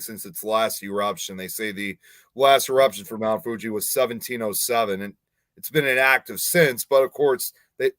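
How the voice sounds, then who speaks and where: A man's voice: mid-range voice, no room sound. A man co-hosting a podcast in casual chat over a remote call, sharing trivia while his audio cuts in and out in uneven volume. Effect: uneven volume, audio cutting in and out. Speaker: podcast co-host. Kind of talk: casual chat about a film.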